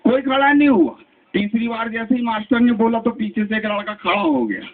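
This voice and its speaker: A man's voice: sits high, expressive. A man doing live stand-up comedy, telling jokes and switching into voices for his characters. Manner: joke-telling with quick voice switches between characters. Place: outdoor stage at a town festival. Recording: lo-fi phone-like stage recording.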